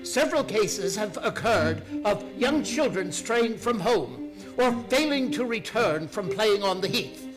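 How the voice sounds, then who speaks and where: Man acting a high-pitched newspaper announcer. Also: lively intonation, unhurried, hardly any pauses, poor audio. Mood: urgent, formal. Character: earnest old-fashioned newspaper announcer. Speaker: newspaper reader. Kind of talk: dramatic scripted news reading. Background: music.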